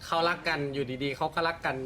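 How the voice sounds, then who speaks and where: Bright-voiced man in gang role-play. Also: fairly high pitch, fast talker, slight background noise. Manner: calm, taunting gang-boss talk. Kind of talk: in-character role-play chat.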